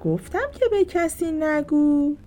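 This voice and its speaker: A woman's voice: high voice, animated, dark tone, faint music behind, voice pushed up. A woman voicing a friendly, playful shopkeeper in a storybook who shares secrets.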